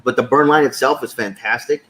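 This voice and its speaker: A podcast co-host with a medium-pitched, slightly bright voice talks briskly. He keeps things casual and conversational as he reviews cigars.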